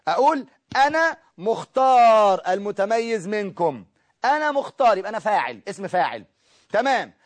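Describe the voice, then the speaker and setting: Egyptian male grammar teacher, high-pitched, brisk, step-by-step explainer. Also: sing-song. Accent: Egyptian Arabic. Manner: explains step by step, checks in with students. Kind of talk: recorded grammar lesson.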